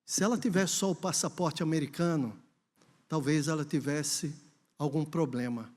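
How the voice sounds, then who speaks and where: A long hall reverb surrounds a Brazilian pastor whose voice is a little high with a darkish tone and a moderate pace. He preaches at a church conference, telling a story before emphatically urging the congregation on.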